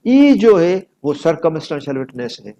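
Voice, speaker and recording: A man with a Pakistani accent delivers a law lecture in a fairly high, mellow voice with big pitch swings at a moderate pace, on a muffled recording. Switching between Urdu and English, he reads out examples and stresses and repeats key phrases in a didactic, emphatic manner.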